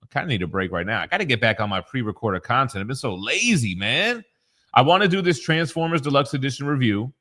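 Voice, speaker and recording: A man in his thirties co-hosting a live stream, casually chatting and reading viewer comments aloud in a relaxed, joking way. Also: mid-range voice, quick pace. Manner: reads chat comments aloud, laid-back and joking. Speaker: co-host.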